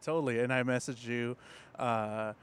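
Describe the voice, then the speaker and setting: A man appearing as a podcast guest and trombone player, telling his story in animated casual chat with frequent laughs. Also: medium pitch, moderate pace, clear, resonant tone.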